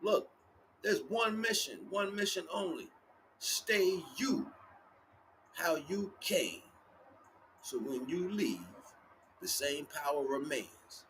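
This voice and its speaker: The American man hosting this livestream has a slightly high, fairly bright voice with lively intonation, and he speaks slowly with frequent pauses. His spiritual monologue is informal, emphatic, repetitive, and laced with street slang. Background noise is clearly present.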